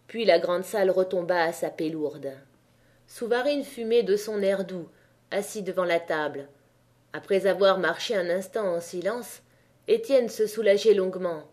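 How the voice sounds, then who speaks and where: Woman reading a novel in a mellow voice. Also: medium pitch. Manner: measured, expressive. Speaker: audiobook reader. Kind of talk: literary audiobook narration.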